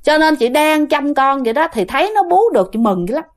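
Woman, ghost story narration, chatty, high-pitched, animated. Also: a little fast. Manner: chatty, talks to listeners directly.

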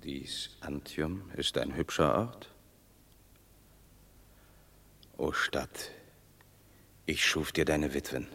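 In a radio drama of classical verse, an actor plays a proud, scornful Roman warrior who has been banished. His male voice is extremely low and gravelly yet fairly bright, and his grand, measured, declamatory delivery is heavily acted. The mood is brooding.

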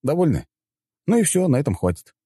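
Man doing a cocky young mage, high teasing voice, mock-polite, dry sound. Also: big pitch swings, brisk, mellow, husky, no echo. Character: cocky young male healer mage, mocking.

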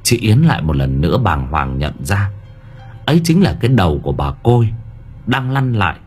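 A man's voice: on the low side, very animated, normal speed, darkish tone. A man narrating a horror story in a dramatic storytelling manner. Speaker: audiobook narrator. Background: faint background music.

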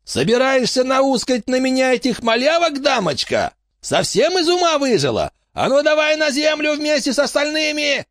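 A man voicing a panicky young male bandit with a gun, yelling hysterically. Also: extremely high pitch, animated, moderate pace, dry recording, studio quality, pitched above the performer's own voice, exaggerated voice. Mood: threatening.

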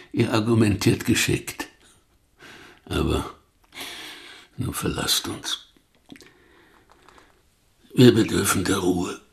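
A slow, gravelly old pope. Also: male voice, on the low side, exaggerated voice. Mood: probing. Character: gouty ailing old pope, irritable. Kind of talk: radio play acting.

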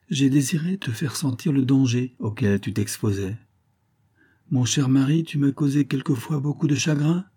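Gentle young wife, tender, softly pleading, mellow husky tone, read by a man. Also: medium pitch.

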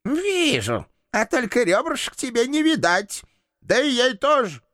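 A man reading an audiobook, voicing a cantankerous old village landlady who scolds and threatens in a shrill, creaky old-woman voice. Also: wildly swooping pitch, a little slow, fairly bright tone, no room sound, clean studio sound, full character voice. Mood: threatening.

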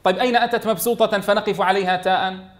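A man teaching a tajweed lesson, asking questions and answering them himself, and chanting verse lines slowly. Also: sits high, steady tone. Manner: explains by asking and answering his own questions. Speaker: Quran teacher.

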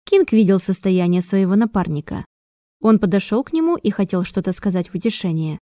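A woman reading a thriller audiobook in an even, measured way. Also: mid-range voice, dry recording. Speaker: audiobook narrator. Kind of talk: scripted narration.

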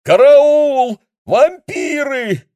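A man voicing a cowardly young man who shrieks in frantic panic, in a very high, loud voice. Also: very animated, extremely slow, no echo, full character voice. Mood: panicked.

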